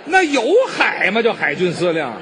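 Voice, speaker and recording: A man's voice: high voice, very animated, moderate pace, pushed and bright. A man playing the straight man in crosstalk comedy on stage, answering with dry, protesting retorts. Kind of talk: Chinese crosstalk stage performance. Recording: reverberant live hall recording with audience noise.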